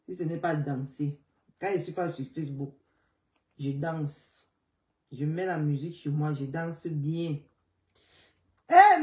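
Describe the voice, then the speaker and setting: A hoarse woman hosting a casual live chat, greeting viewers by name and repeating calls to share. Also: deep voice, mellow, far from the mic. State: hoarse, voice partly gone. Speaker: livestream host. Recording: roomy sound, away from the mic.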